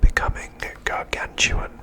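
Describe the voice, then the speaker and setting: A man hosting ASMR content reads out a scripted recap in an unvoiced, breathy whisper, keeping things hushed and measured.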